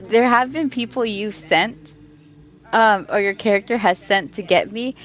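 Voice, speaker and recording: A tipsy woman chatting out of character between roleplay scenes, giggling and drifting into a slow western twang. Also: medium pitch, a bit bright, lo-fi sound. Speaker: roleplay player. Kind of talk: out-of-character chat.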